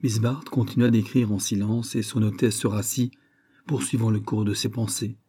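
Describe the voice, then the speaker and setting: A man narrating a classic novel audiobook in a steady, unhurried manner, with a husky voice. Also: on the low side. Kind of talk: scripted narration.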